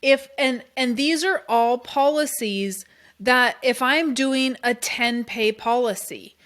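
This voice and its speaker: Speaking slowly in a somewhat bright, high-leaning voice, this middle-aged podcast host and insurance advisor explains coverage in a relaxed solo show. She's emphatic and conversational, tossing in quotes from clients as asides.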